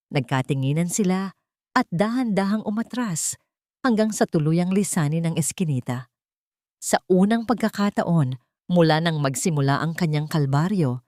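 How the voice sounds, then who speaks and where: A woman with a Filipino accent narrates a dramatic, scripted love story. Her voice is on the low side and a little mellow, captured in a dry, clean studio recording.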